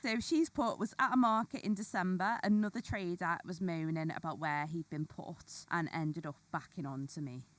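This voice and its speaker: A woman's voice: on the low side, moderate pace, few pauses, fairly bright tone. A woman co-hosting a podcast, chatty and casually swearing as she reads listener stories. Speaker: podcast co-host.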